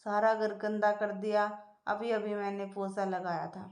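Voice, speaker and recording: A woman voicing a sharp-tongued, curt daughter-in-law in a storybook reading. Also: medium pitch, little pitch movement, measured pace, natural voice. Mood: scolding. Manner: curt, irritated. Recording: echoey room.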